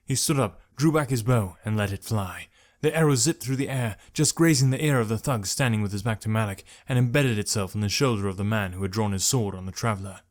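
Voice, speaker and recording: A man reading a novel aloud in a measured, even storytelling manner. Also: lowish voice. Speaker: narrator. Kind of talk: scripted narration.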